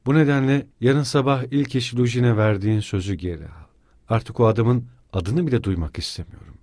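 A man's voice: mid-range voice, brisk, a little mellow, dry recording, studio quality, close to an everyday voice. A man voicing a feverish young male student who speaks in strained, broken-off bursts. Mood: bitter. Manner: strained, breaking off abruptly.

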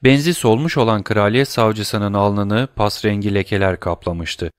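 A man's voice: fairly low pitch, clean tone, dry recording, clean studio sound. Man narrating a classic novel. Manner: measured, dramatic storytelling. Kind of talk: scripted audiobook narration.

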